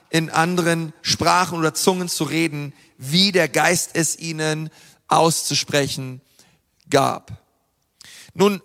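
Recorded with heavy, lingering reverb in a big church hall, a male preacher sounds high, bright and forceful. He delivers his sermon earnestly and emphatically, though he often pauses on fillers and starts phrases over.

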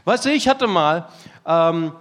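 A man preaching a sermon at a conference, telling stories in an animated way and laughing at his own anecdotes. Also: a little high, takes it slowly. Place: conference hall. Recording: reverberant hall.

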